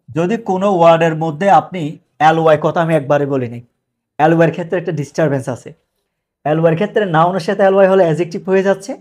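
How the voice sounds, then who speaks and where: A man's voice: a little high, darkish tone. A man from Bangladesh, teaching an online English grammar class, asking questions and answering them himself.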